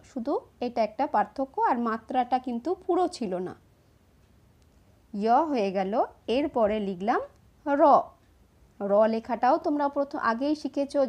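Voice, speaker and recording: A woman, slowly and patiently explaining each step of writing letters to children. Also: on the high side, darkish tone. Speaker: teacher. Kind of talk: handwriting lesson for children.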